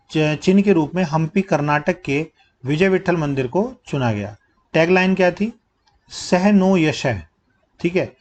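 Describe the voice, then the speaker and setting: Higher-voiced man teaching exam facts. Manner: asks questions and answers them himself, repeating key facts; drops low to stress facts to remember. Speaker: current affairs teacher. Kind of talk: exam prep lecture.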